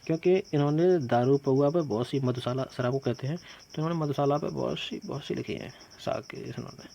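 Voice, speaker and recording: A man's voice: medium pitch, brisk, vocal fry, mellow, highs cut off. A male teacher running an exam-prep quiz lesson, playfully asking questions and answering them himself with jokey memory tricks, calling his students "bhaiya".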